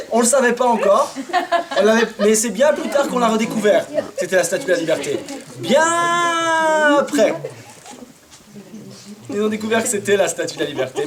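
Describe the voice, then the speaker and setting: A man telling a Christmas tale to a live audience in a playful, animated way, sometimes singing and getting listeners to join in. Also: sits high. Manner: lively, playful, sings and gets the audience to join in. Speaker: storyteller. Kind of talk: oral storytelling to a live audience.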